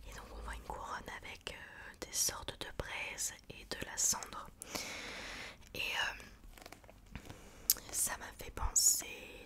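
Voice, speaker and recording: A woman speaks in a soft, breathy library whisper, chatting informally and a little hesitantly about books in an ASMR style. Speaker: ASMR book reviewer. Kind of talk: whispered ASMR book chat.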